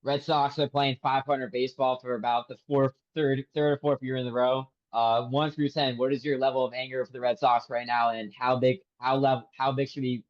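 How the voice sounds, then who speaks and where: A man's voice: mid-range voice, flat delivery, a little fast, hardly any pauses. Man, podcast host, casual stumbling questions, curses, muffled lo-fi recording. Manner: loose, stumbling questions, swears. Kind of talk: casual sports podcast interview.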